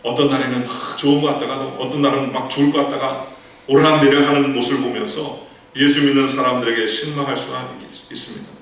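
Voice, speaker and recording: A man's voice: mid-range voice, steady tone, quick pace, fairly bright tone. A male pastor preaching a sermon, telling a story with rhetorical questions and quoted lines. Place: large church sanctuary. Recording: echoey church hall from far off.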